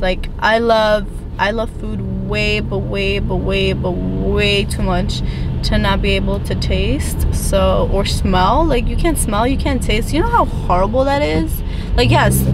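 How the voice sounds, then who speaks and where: A woman's voice: medium pitch, very noisy. A woman in her twenties, born in Ecuador and raised in New York City, chatting casually in a vlog from a parked car, with lots of fillers. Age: 20s. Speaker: lifestyle vlogger. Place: parked car, indoors in a kitchen at first.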